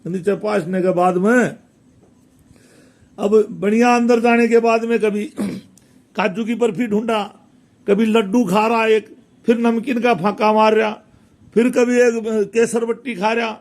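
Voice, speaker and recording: High-voiced storyteller man. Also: gravelly. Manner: rambling, repeats phrases, voices characters in dialect. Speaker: village storyteller. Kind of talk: casual folk tale telling.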